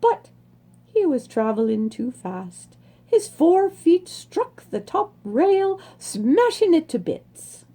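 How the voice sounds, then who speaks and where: With a high, mellow voice, a woman storyteller gives a very animated reading of a children's book. She never rushes, enjoying every word and stopping now and then for dramatic effect.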